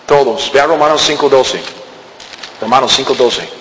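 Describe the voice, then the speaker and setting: A man preaching a sermon, swinging between loud emphatic lines and low, quiet asides. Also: moderate pace, slight background noise. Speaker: pastor. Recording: distant in a reverberant hall.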